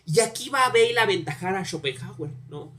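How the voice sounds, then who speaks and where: A man's voice: high voice, expressive, a little fast, sharp tone. A man with a Mexican accent giving an informal philosophy lecture, talking conversationally, often tagging questions and repeating words as he thinks. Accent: Mexican Spanish. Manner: conversational, frequent tag questions, stumbling repetitions.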